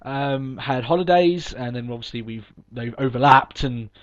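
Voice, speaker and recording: On a dull lo-fi podcast recording, the host, a man with a cold, sounds sniffly while chatting cheerfully and rambling, with many ums and restarted sentences. He speaks at normal speed with a medium-pitched voice.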